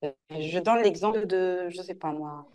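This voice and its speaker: A woman's voice: on the low side, crowd noise. Patient woman teaching French. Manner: patient, repeats and models words slowly. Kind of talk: online French lesson with a pupil.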